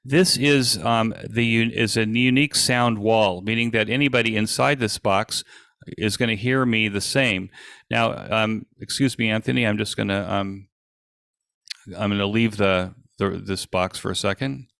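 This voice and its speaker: A male event presenter runs a casual live software demo over a video call, his explanations coming in fits and starts. The voice is on the low side, and the recording is dry and studio quality.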